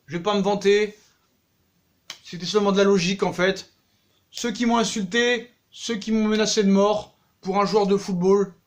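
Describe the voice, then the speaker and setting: A man talking casually about football transfers in a vlog, acting out the people he talks about, with slangy jokes. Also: high-pitched. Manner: animated, acts out the people he talks about, jokey street slang. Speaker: football vlogger.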